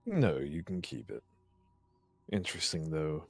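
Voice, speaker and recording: A woman in a roleplay whose voice is run through a voice changer that makes it very deep, speaking in a slow, measured, cold way as a masked interrogator. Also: sing-song, darkish tone, husky, dry recording, soft background music, full character voice. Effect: voice changer making the voice very deep.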